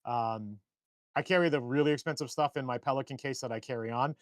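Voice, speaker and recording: A man co-hosting a casual live stream from a shed workshop, talking in long rambling, animated stories. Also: mid-range voice, a little fast, no room sound. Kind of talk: casual chat.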